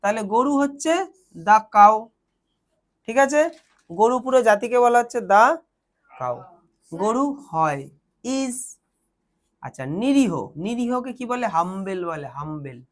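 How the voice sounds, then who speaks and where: A woman's voice: on the high side, expressive, unhurried, long pauses. A young woman teaches children translation, patiently asking questions and answering them herself. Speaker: tutor.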